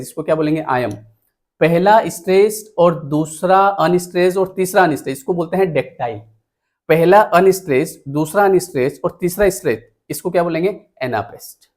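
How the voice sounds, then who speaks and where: Speaking quickly in a slightly high, darkish voice, a male teacher works through poetry meter in an exam-prep lecture. He explains each step, counts items aloud as he points at the screen, and regularly checks in with the class.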